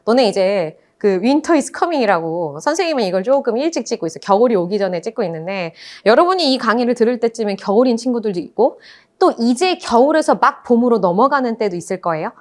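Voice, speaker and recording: A woman's voice: a little high, a little fast. A woman teaching a lecture course, telling stories and acting out playful exchanges as she explains. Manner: lively storytelling, acts out playful voices. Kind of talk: animated lecture.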